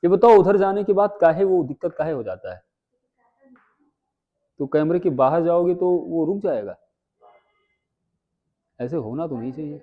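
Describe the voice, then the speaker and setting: A man teaching maths, chatty and firing quick questions at his students. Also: a little high, animated, phone-quality sound. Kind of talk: live online exam-prep class.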